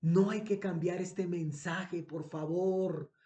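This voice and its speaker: A man's voice: high voice, fairly even intonation, slow, dark tone, roomy sound, lo-fi sound. A man preaching a sermon as pastor. He repeats phrases for emphasis and asks the congregation rhetorical questions.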